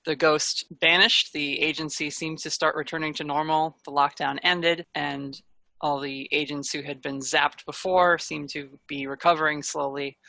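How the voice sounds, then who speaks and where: Creaky, bright-voiced game master narrating. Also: medium pitch, little pitch movement, moderate pace, dry recording. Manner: casual and conversational, slipping between recap and banter. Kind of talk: narrating a tabletop role-playing game.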